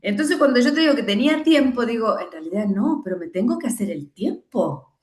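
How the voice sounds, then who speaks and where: This middle-aged woman from Argentina, whose accent is Argentine Spanish, has a fairly high, darkish voice and talks fairly quickly and with animation in a roomy space. She's running a training talk, a teaching conversation in which she emphatically performs imagined excuses and prayers.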